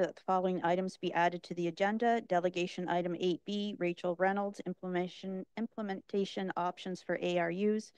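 A woman councillor reading formal motions at a desk microphone in a council chamber, in a measured way. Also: fairly low pitch, a little mellow, smooth, dry recording, rough recording.

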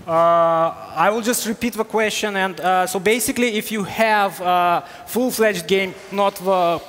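High-voiced man answering questions on stage. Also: a little slow, a bit bright, slight background noise. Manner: explanatory, with hesitations. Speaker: conference speaker. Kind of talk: technical Q&A on stage. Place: large hall on stage. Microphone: headset. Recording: reverberant hall.

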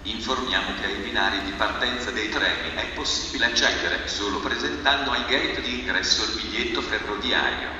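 A man making formal, evenly paced station announcements over a public address loudspeaker. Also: fairly low pitch, fast talker, few pauses. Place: large train station hall. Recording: echoey station hall from far off. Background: station noise, trains.

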